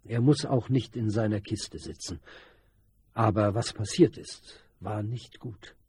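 An urgent, commanding boy who leads a street gang, read by a man. The voice is husky and dark. It is recorded close and dry. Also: fairly low pitch, measured pace, no echo. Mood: grave.

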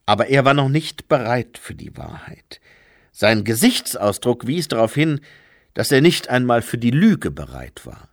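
A man narrating a novel in an expressive storytelling style, recorded on a close studio mic. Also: mid-range voice, a little slow, dry recording. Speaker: audiobook reader. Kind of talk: scripted narration.

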